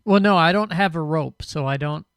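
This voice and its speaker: Smooth-voiced young man chatting casually. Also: on the high side, normal speed, fairly bright tone, dry recording, clean studio sound. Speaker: show host on a voice call. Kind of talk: casual group chat. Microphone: desk mic with compressor.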